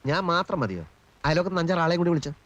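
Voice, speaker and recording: An actor playing a boastful young male lawyer who speaks in a measured, self-satisfied way. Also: a little high, very animated, fairly bright tone. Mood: teasing. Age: young adult. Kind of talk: 1980s film drama.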